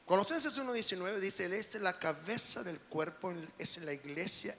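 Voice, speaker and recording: A man preaches an emphatic sermon in a high, gravelly voice. His tone is bright and forceful, and he swings between quiet stretches and shouted peaks. The sound carries the long reverb of a large hall. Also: moderate pace, slight background noise. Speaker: apostle preaching.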